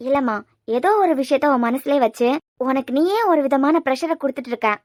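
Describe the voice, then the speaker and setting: A woman's voice: sits high, fairly quick, no room sound, clean studio sound, lightly acted. A woman voicing a shrewd, teasing middle-aged mother. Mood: coaxing. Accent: Kanyakumari Tamil. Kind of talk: cartoon serial dubbing.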